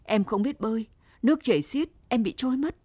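A woman's voice: a little high, lively intonation, brisk, a little mellow, no echo, pitched above the performer's own voice. A woman voicing a frightened eighteen-year-old farm girl who pleads anxiously. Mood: pleading.

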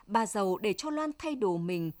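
Woman, story narration, middle-pitched voice, dry sound. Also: expressive, normal speed, no room sound. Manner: reads every character's lines in her own voice.

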